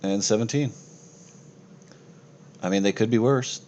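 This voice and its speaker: A man serving as game master narrates a tabletop game over an online voice call, speaking unhurriedly in a fairly low, darkish voice. He keeps it casual and swears often, in a noisy home voice-chat recording.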